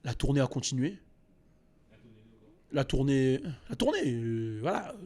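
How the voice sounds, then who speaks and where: A man host telling a personal story in a casual, animated, slangy way, with many restarts and repeats. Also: medium pitch, unhurried.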